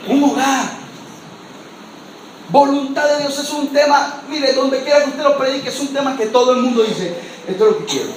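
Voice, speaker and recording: High-voiced man preaching in an echoey church. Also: steady tone, moderate pace. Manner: impassioned, swings between shouting and hushed asides. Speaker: pastor. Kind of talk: sermon. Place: church sanctuary. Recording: echoey church from far off, faint noise.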